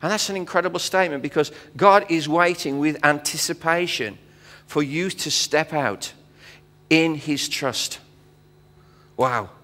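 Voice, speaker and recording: A middle-aged man from England, a visiting pastor, speaks with a somewhat high, pushed and bright voice at a measured pace. His sermon on the church hall stage, with an audience present, is informal and joking, heavy on fillers. The hall gives the recording a long reverb.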